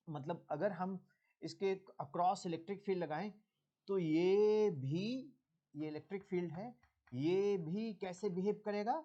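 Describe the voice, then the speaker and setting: A man's voice: high voice, mellow, muffled recording. A man with an Indian accent teaching a physics lesson, mixing Hindi and English and asking his students questions as he goes. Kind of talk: classroom physics lecture.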